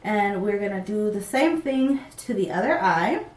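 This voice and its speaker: Expressive and measured, a young woman with a medium-pitched voice narrates her makeup tutorial while congested from a cold, saying um often. The distant, roomy recording comes from a small room against a plain backdrop.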